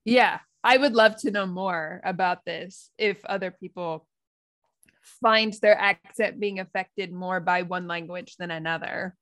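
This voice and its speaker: A native English speaker with an American accent, this woman co-hosts a casual podcast, thinking aloud and laughing a lot. Her voice is lowish and fairly bright, and she speaks at a measured pace.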